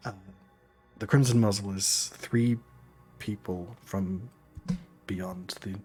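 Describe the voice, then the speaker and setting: A man narrating as game master of a tabletop game, slow and halting with many pauses. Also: lowish voice, steady tone, darkish tone, slightly rough, faint music behind.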